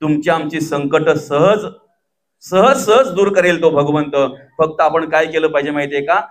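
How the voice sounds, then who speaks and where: A man's voice: a little high, normal speed. A man from Maharashtra telling a devotional story as a preacher, constantly throwing rhetorical questions to his listeners. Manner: rhetorical questions to the audience, call-and-response.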